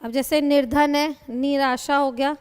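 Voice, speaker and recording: A woman's voice: sits high, fairly even intonation, a little slow. A woman teaching Hindi grammar in a classroom lecture. She explains patiently, asks her students questions and calls them "beta". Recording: long hall reverb.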